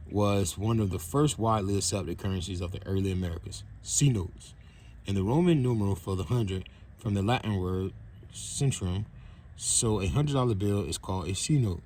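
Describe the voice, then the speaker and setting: A man reading a children's nonfiction book aloud in a plain, steady way. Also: on the low side, slight background noise. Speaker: reader.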